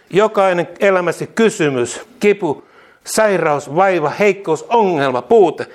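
Fervent Finnish-speaking male preacher. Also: high-pitched. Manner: repeats each line, laughing and exclaiming "tang"; fervent declarations, calmer teaching later. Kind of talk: charismatic sermon and prayer.

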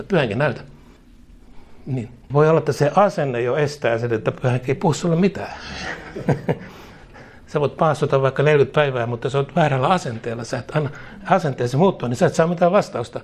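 A man preaching a charismatic sermon in emphatic, rhythmic repeated phrases, chuckling now and then. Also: mid-range voice.

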